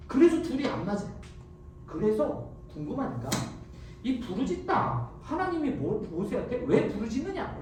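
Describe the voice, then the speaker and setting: A woman's voice: a little high, a little hiss or hum. A woman pastor giving a sermon, preaching with animation and acting out the voices she quotes. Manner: animated preaching, acts out quoted voices, leads congregation reading. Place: church hall. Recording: echoey hall, voice from a distance.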